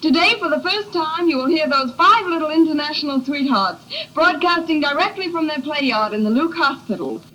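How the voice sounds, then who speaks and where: An actress playing a proud 1930s radio news commentator, announcing grandly and formally in old newsreel style on a vintage film soundtrack. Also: female voice, high-pitched, animated, fairly quick, pushed and bright, low-quality recording.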